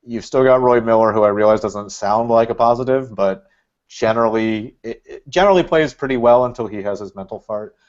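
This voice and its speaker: A man of middle pitch chats loosely as a podcast guest, trailing off and restarting as he thinks aloud. His voice comes through a dull, lo-fi recording. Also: a little fast, darkish tone. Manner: rambling, thinking aloud with many fillers. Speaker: guest, Red Bulls fan. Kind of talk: casual podcast chat. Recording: dull lo-fi sound.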